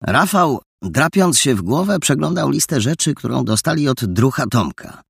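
A man reading a story aloud in an expressive, lively storytelling manner. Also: mid-range voice, normal speed, creaky, slightly rough, dry recording, clean studio sound. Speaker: narrator. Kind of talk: audiobook narration.

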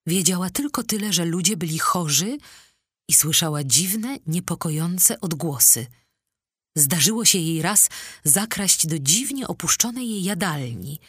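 A woman narrating an audiobook in a measured, expressive storytelling manner, recorded on a close studio mic. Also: lowish voice, breathy edge, dry recording. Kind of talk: scripted narration.

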